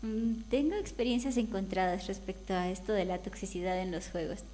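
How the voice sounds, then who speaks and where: A woman's voice: mid-range voice, fairly even intonation, brisk, mellow, a little hiss or hum. A woman speaking candidly on a panel, talking conversationally and slipping into quoted voices now and then. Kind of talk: panel discussion. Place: event hall.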